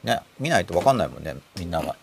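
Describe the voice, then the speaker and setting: Lively, gravelly-voiced man hosting a chat. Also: sits low, very fast, a little hiss or hum. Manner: playful, teasing, laughs often. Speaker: livestream talk show host. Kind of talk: casual chat.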